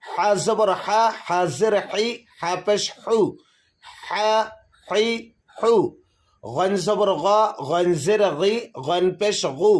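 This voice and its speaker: A man teaching Quran reading, slowly reciting drills of letters and their vowel sounds. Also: high voice. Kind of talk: slow recited lesson.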